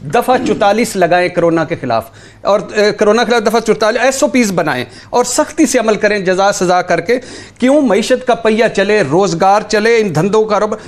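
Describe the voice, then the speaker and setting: A man arguing insistently as a panelist on a TV talk show, talking over others and repeating himself. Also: sits high. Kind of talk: heated political debate.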